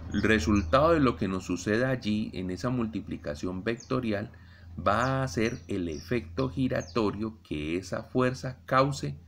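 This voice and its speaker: Deep-voiced Colombian man teaching physics. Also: expressive, vocal fry, slight background noise. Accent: Colombian Spanish. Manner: slow, deliberate explaining, addresses students directly. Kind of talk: recorded classroom lesson.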